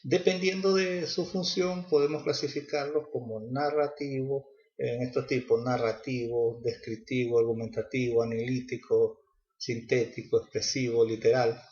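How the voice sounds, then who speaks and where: A man's voice: mid-range voice, steady tone, normal speed, darkish tone, muffled recording. Hesitant student man in echoey room. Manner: hesitant, with fillers and restarts. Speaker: student presenter. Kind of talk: class presentation.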